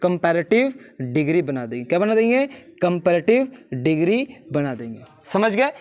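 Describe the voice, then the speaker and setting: A teacher giving a grammar lesson who keeps asking short questions and answering them, repeating key points and slowing down to spell out English phrases. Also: medium pitch, big pitch swings, a little mellow, muffled recording.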